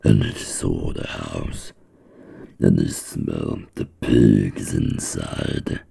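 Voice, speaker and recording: A man with a very deep, gravelly voice narrating a fairy tale slowly, in a firm, deliberate manner. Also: fairly even intonation, dark tone. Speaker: storyteller.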